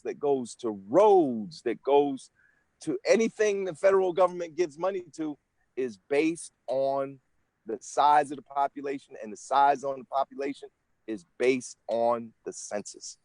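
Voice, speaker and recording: An American man in his sixties, a senate candidate, is interviewed and answers earnestly and explanatorily, often restarting his sentences. His medium-pitched voice is animated, unhurried, and a little mellow, with no echo.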